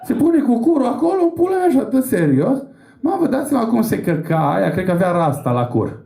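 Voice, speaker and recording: A man's voice: very high voice, very animated, vocal fry, warm tone, roomy sound. A man from Romania doing a stand-up set, telling crude, rambling and profane stories on a comedy club stage.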